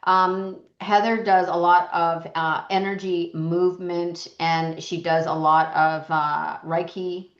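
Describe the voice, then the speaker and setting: A woman's voice: on the low side, flat delivery, slow pace, few pauses. A woman hosting an informal online session on a video call, chatting in a casual way. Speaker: session host. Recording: roomy, dull lo-fi audio.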